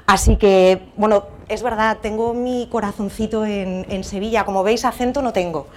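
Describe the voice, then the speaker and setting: A woman from Spain with a Castilian Spanish accent gives a keynote conference presentation into a mic in a university auditorium. Her mid-range voice is steady and normal in speed, her delivery conversational and full of small restarts and asides, and she checks in with the audience through rhetorical questions.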